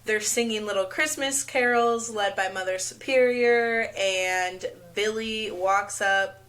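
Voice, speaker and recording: Woman, podcast co-host, slow easygoing delivery, fillers, mid-range voice. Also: mid-range voice, fairly bright tone. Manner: slow and unhurried, with filler words. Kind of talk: casual chat recapping a film.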